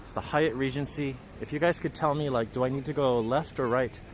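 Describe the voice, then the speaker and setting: A mid-range male voice, a little fast, comes from a livestream host from Japan on a casual walking tour through city streets. He chats and reads out viewer comments, recorded outside against traffic and street noise.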